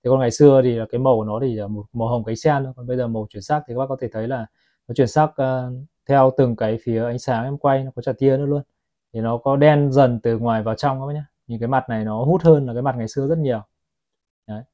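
A man's voice: medium pitch, steady tone, fast, dark tone. A man selling watches, chatting to his viewers as he films a product review on his phone. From Vietnam. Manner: chatty, keeps addressing viewers as "các bác". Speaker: watch seller.

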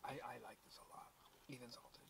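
A man's voice: mid-range voice, steady tone, a little fast, creaky, fairly bright tone, far from the mic. A young man in casual chat, talking while chewing his food. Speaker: co-host. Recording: set back from the mic, faint background noise.

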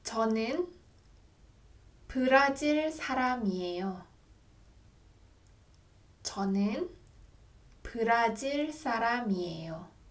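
A young woman leads a language lesson, pronouncing each phrase with great care. She speaks extremely slowly, with a slightly high voice. It sounds like a desk camera in a small room. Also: lively intonation. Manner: very slow, deliberate model phrases for repeating. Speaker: language teacher. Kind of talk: slow, clearly articulated lesson drills.

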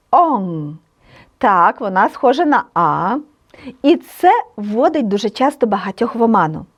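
A woman teaching a language lesson online, explaining patiently and sounding out letters and words clearly. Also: sits high.

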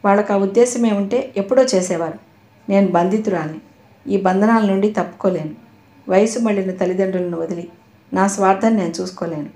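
A resigned, grieving woman defends her choices with quiet pride, as a female reader voices her in an audio novel. Her voice is mellow and warm. The recording has a roomy echo. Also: mid-range voice, a little fast, natural voice. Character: grieving unmarried woman, dutiful and proud.

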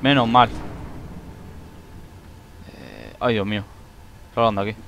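Gaming commentator, male, lively swings in pitch, jumps to panicked shrieks, faint noise behind. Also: measured pace, vocal fry. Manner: excitable, shrieks when panicked. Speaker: gaming YouTuber. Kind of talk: let's play commentary.

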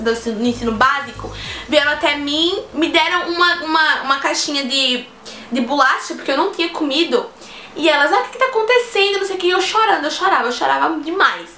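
In a high, bright, forceful voice, an eighteen-year-old woman shares a personal story on her chatty vlog, speaking earnestly and directly to viewers. Faint music plays beneath a roomy echo.

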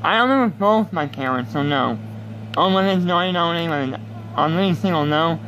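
High-voiced young man rambling through a game. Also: brisk, fairly bright tone, highs cut off, slight background noise. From United States. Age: 20s. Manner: rambling, reads questions aloud and answers them offhandedly. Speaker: YouTuber. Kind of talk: casual gaming commentary.

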